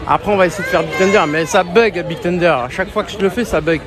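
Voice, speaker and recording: A man livestreams a casual vlog from an outdoor theme park on a handheld phone, chatty and full of slang, with the occasional swear word. He talks quickly in a voice that sits high. Park music and crowd noise play behind him.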